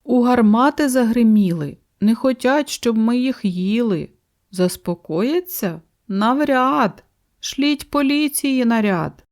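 Fretful, flustered storks, as a woman reading the storybook puts them on, pitched a little above her usual voice. They fuss and grumble in a slow, worried way. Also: animated, a little mellow. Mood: anxious. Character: fretful storks calling from far away.

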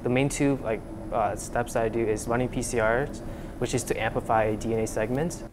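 A man's voice: mid-range voice, steady tone, brisk, noisy background. A young man from Vietnam, an undergraduate researcher, explaining his lab work with frequent fillers and restarts, recorded on a lapel mic in a lab. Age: young adult. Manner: hesitant, many fillers and restarts. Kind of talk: casual explanatory interview. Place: university lab, indoors.

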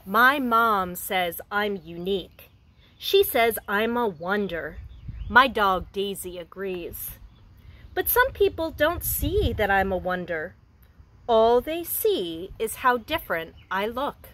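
In a low-quality recording, a woman in her thirties, a preschool teacher, reads a picture book aloud to young kids outdoors in front of a house. Her mid-range voice is gentle and expressive, and she takes it slowly.

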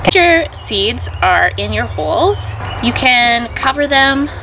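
A young woman, a farm educator, giving clear, patient step-by-step gardening instructions. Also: a little high, big pitch swings, slow, noisy background. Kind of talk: instructional demonstration.

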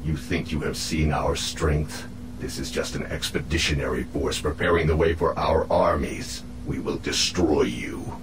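A man voicing a captive alien infiltrator in a video game, solemn, proud and menacing, with formal, measured speech. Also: very deep voice, fairly even intonation, echoey room, background noise. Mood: defiant, menacing. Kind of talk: video game cutscene acting.

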